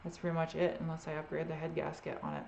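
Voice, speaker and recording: A woman's voice: low-pitched, flat delivery, quick pace, creaky, darkish tone, echoey room, a little hiss or hum. A woman with a trace of a Boston accent hosting a live Q&A, chatting casually and trailing off often as she answers viewer questions. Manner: rambling and unsure, often trailing off.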